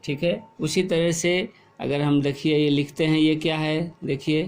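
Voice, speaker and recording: Slow, patient male teacher. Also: on the high side, steady tone, faint music behind. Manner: slow and explanatory, asks questions and repeats answers. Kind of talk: classroom lesson.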